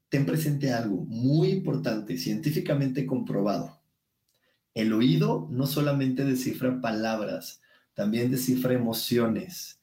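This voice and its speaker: A man with a Mexican accent, a guest calmly explaining ideas with everyday examples. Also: medium pitch. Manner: calm, coaching tone, everyday examples. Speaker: guest speaker. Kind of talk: explanatory conversation. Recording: echoey room.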